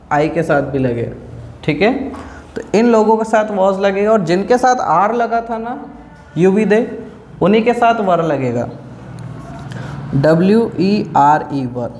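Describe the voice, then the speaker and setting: A man's voice: high-pitched, slight background noise. A man teaching an English grammar lesson at a board, often checking in with "ठीक है?" and asking questions he then answers himself. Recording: echoey room.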